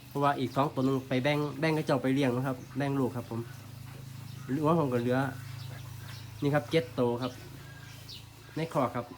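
A man's voice: mid-range voice, brisk, long pauses, slight background noise. A man with a Northeastern Thai Isan accent, talking casually and politely in his farm vlog at a cattle pen outdoors. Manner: relaxed, polite, ends phrases with "khrap phom". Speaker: farmer vlogger.

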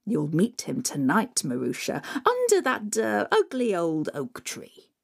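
A woman voicing a scheming, falsely sweet stepmother in a spoken folk tale, with a shrill, gushing manner. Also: huge pitch swings, a little slow, vocal fry, breathy edge, exaggerated voice.

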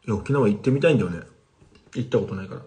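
A man's voice: on the low side, expressive, racing, warm tone. A man teaching casually on a livestream, chatting with viewers and replying to their comments. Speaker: language teacher streaming live.

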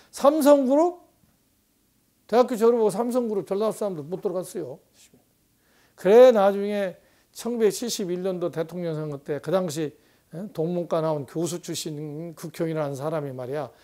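A man's voice: high voice, darkish tone. A man in his sixties, a professor, giving a rambling conversational lecture on politics with frequent rhetorical asides.

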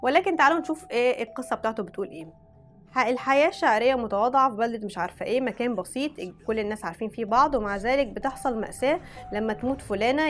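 Rapid-fire chatty Egyptian woman. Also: fairly high pitch. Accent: Egyptian Arabic. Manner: chatty, frank, breaks off mid-word and restarts. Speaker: anime vlogger. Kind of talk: casual chat reading out recommendations.

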